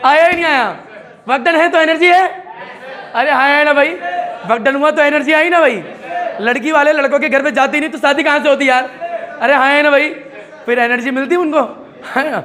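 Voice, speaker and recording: A man's voice: extremely high pitch, fairly quick, bright, forceful tone, a faint crowd. A man teaching a physics class to students, quizzing them again and again and joking as he goes. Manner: keeps quizzing students with repeated questions and jokes.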